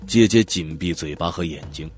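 A man's voice: low-pitched, normal speed. A man narrating a dramatic audiobook, telling the story vividly and expressively. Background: faint background music.

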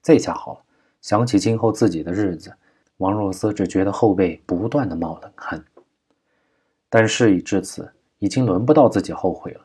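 A man narrating a crime novel audiobook at a steady, measured pace. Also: deep voice, husky.

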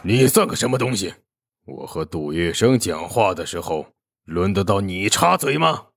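A man voices a storybook gang boss in middle age, arrogant and scornful. His voice is low and gravelly and swings widely in pitch as he sneers. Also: very animated, takes it slowly, darkish tone, a little hiss or hum, full character voice. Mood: furious.

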